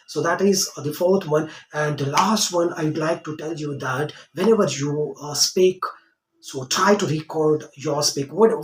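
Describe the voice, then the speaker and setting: Teacher, step-by-step lesson, repeats key phrases, mid pitch, echoey room. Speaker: English teacher. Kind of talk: spoken English lesson to camera. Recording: roomy echoing room.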